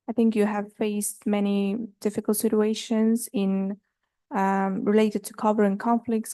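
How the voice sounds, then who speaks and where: Gravelly, mellow-voiced young woman. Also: medium pitch, no room sound. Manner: careful, with fillers. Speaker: student asking a question. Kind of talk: formal audience question.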